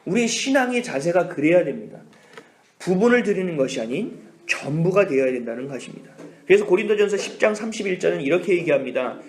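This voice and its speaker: Brief: male Korean-church pastor, sermon storytelling, somewhat high-pitched, roomy hall reverb. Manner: animated storytelling, whispers inner thoughts. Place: church sanctuary.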